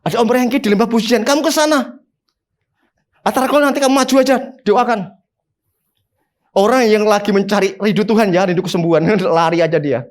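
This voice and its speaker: A man, a pastor preaching a sermon in an animated way, with sudden high emphatic bursts. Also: a little fast, long pauses.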